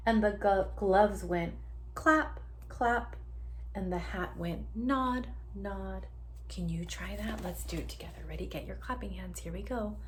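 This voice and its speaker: Some background noise accompanies a woman teacher reading a picture book to young children. Her voice is medium in pitch and her pace measured, and she animatedly draws out sound words while inviting the kids to join.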